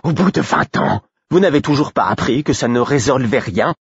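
A man voicing a brisk, scolding female servant who speaks sharply and with exasperation, in an audiobook reading. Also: medium pitch, animated, husky, dry recording, highs cut off, voice pushed up.

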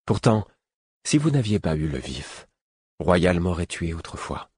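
A man reading the part of a soft-spoken, composed queen in an audiobook, speaking gently and earnestly. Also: low-pitched, sing-song, measured pace, breathy edge, no echo, full character voice.

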